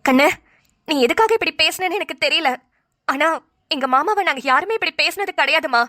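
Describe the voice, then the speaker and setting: A woman voicing a gentle, tearful mother in a cartoon, talking softly and pleadingly. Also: sits high, animated, a little fast, dry recording, studio quality. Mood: soothing. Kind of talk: cartoon voice acting.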